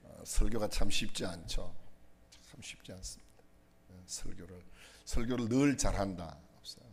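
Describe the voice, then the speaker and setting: A man's voice: low voice, normal speed, vocal fry, slight background noise. A middle-aged man preaching a humorous sermon in a church, teasing the congregation with jokes and questions. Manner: playful, teasing, asks the audience questions. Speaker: pastor. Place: church sanctuary.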